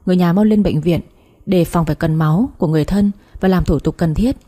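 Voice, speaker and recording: A woman's voice: lowish voice, quick pace, dark tone, lightly acted. A woman reading aloud, voicing a middle-aged man calling from a hospital in an urgent, businesslike way. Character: brisk male hospital caller, middle-aged.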